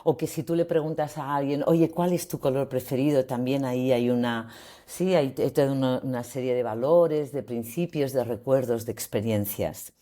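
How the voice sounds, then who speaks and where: A woman, a voice coach explaining ideas in an interview, expressive and acting out example phrases. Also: a bass voice, normal speed.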